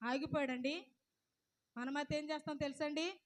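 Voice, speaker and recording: A woman's voice: high-pitched, fairly even intonation, normal speed. A woman preaching a sermon. She keeps asking the congregation questions and answering them, and acts out what others say in a raised voice. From India. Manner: acts out the quoted speakers in a raised voice.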